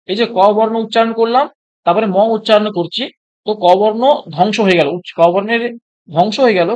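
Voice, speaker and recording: A teacher giving an exam-prep lecture. The teacher asks a question and then answers it, and recites Sanskrit lines slowly. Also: mid-range voice, a little mellow.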